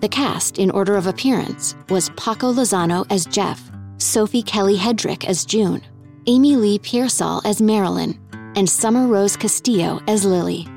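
A woman's voice: mid-range voice, moderate pace, vocal fry. A woman reading scripted end credits as the announcer of an audio drama. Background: soft plucked-string music.

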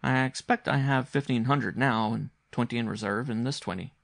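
A man's voice: medium pitch, moderate pace, vocal fry, a bit bright, dry recording, studio quality. A man voicing an earnest, intense young boy in a story, speaking in a grave, insistent, polite way. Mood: earnest, serene.

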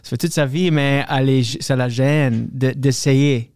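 A man's voice: medium pitch, measured pace, no room sound. Acadian comedian guy, laid-back chat with english slang thrown in, dry sound. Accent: Acadian French. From New Brunswick, Canada. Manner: relaxed, mixes in English slang. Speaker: comedian guest. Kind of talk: casual chat. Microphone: podcast microphone.

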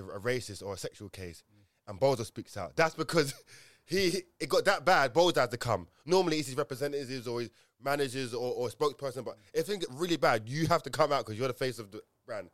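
Male podcast co-host, London roadman accent, very quick delivery, slangy and emphatic, hammering points through repetition. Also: mid-range voice, a bit bright. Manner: repeats and rephrases points emphatically, heavy slang.

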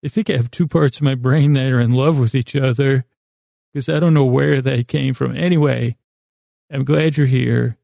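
A man with a gravelly, warm, medium-pitched voice hosts a sleep podcast, rambling through a bedtime monologue in a steady tone. He meanders and halts, with stammers, repeated words, and silly digressions. The recording is studio quality, with no room sound.

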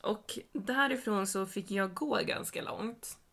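A woman's voice: medium pitch, a bit bright. A young woman telling a story in casual podcast chat, with a chatty manner and dialogue retold. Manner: retells events in a chatty way with quoted dialogue. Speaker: podcast co-host.

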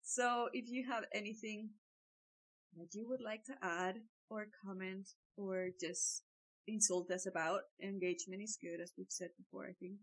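A woman with a mid-range voice co-hosts a podcast and wraps up the episode. She speaks in a relaxed, chatty way, with easy fillers and casual self-corrections. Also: mid-range voice, normal speed, rough recording. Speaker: podcast co-host. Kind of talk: casual chat, signing off the episode.

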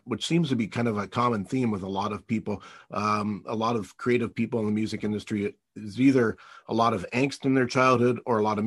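A man with a low, slightly husky voice hosts a radio interview. His questions run long and wander, full of little fillers, and his manner is chatty. The sound is dry and close to the mic. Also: no room sound. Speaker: radio show host and interviewer. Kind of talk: casual interview hosting.

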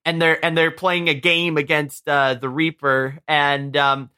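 A man co-hosting a podcast, chatting casually about a movie and often pausing to search for words. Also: on the high side, little pitch movement, sharp tone, clean tone. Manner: hesitant, many fillers and restarts. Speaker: podcast co-host.

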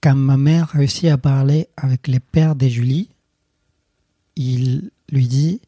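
Dark, husky-voiced man telling his story. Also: mid-range voice, unhurried, no room sound, studio quality. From Colombia. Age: 30s. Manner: hesitant, many fillers and restarts. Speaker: guest. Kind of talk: personal storytelling interview.

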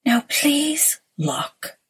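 A woman voicing a pale, cold male stranger who speaks in a slow, hushed whisper in a storybook reading. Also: high voice, very animated, pitched above the performer's own voice, full character voice.

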